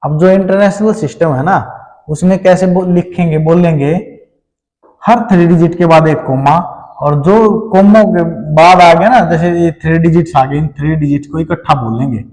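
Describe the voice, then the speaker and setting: A man's voice: fairly high pitch, normal speed, darkish tone. Indian man teaching math in a hall. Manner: explains step by step, often checks in with "ठीक है". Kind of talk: classroom math lesson.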